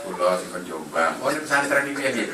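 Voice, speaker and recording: A man's voice: low voice, lively intonation, fast, noisy background. A man preaching a humorous lecture in a mosque, asking the congregation questions and answering them himself. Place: mosque hall. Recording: roomy, distant mic with faint ambience.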